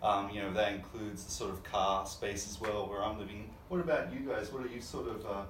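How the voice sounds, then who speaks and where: A young man from Australia hosting a casual panel chat, relaxed and chatty with many fillers. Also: lowish voice, a little fast, slight background noise. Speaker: host. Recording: echoey room, mic at a distance.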